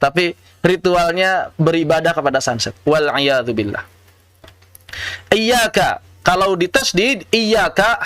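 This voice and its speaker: A man with an Indonesian accent teaching Quran recitation rules, slowly demonstrating right and wrong pronunciations with lively teacherly emphasis. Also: on the high side, no room sound. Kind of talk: tajwid lesson with recited examples.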